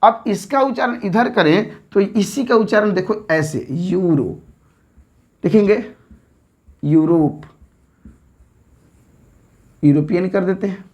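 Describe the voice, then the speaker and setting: A woman teaching an English grammar lesson at a whiteboard, repeating words slowly and checking understanding with quick questions. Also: medium pitch, a little mellow.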